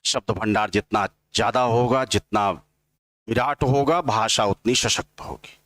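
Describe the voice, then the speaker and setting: A man teaching grammar in an exam-prep lecture, dictating slowly and repeating each line so students can write it down. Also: fairly low pitch, a bit bright, dry recording. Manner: slow dictating, repeating lines for notes; spells out vowel sounds one by one.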